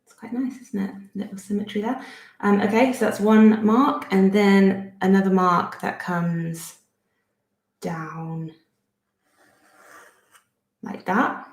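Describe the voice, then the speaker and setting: Taking it slowly with long pauses, a woman in her thirties speaks in a steady, mid-range, slightly mellow voice with a roomy sound and a Bristolian accent. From her home studio desk, the art teacher chats through a friendly step-by-step drawing lesson, thinking aloud and making fun of herself.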